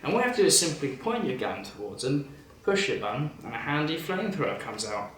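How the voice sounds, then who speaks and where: A man acts a confident professor in a parody infomercial, selling gadgets matter-of-factly. His voice is slightly high and swings with emphasis. It is recorded in an echoey room, a bit away from the mic. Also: big pitch swings, fast, fairly bright tone. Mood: eager selling. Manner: matter-of-fact, emphatic demonstrator. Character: confident male professor pitching absurd home weapons. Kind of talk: parody infomercial sales pitch. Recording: echoey room, distant mic, faint noise.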